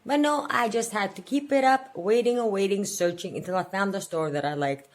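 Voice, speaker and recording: Talking a little fast at medium pitch, this budget vlogger in her forties rambles and vents in a casual personal video about her finances, leaning on repeated words for emphasis.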